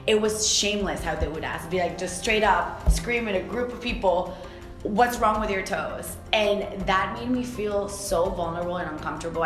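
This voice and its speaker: A young adult woman from Costa Rica, a swimwear founder, speaking candidly and reflectively in a documentary interview, with many fillers. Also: on the low side. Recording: echoey room with music behind.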